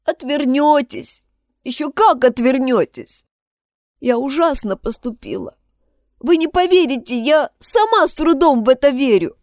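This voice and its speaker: A woman's voice: sits high, expressive, unhurried, a little mellow, no echo, clean studio sound, pitched above the performer's own voice. A woman reading an audiobook, voicing a distraught teenage schoolgirl who pleads and sobs. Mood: confessing. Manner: pleading, sobbing outbursts.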